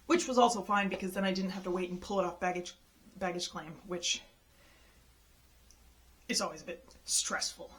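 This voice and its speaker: A woman casually telling a personal story, lively and exasperated, mimicking the people she quotes with big leaps in her voice. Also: moderate pace, long pauses, slight background noise. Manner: animated, acts out quoted people with jumps in pitch; exasperated retelling of a travel mishap.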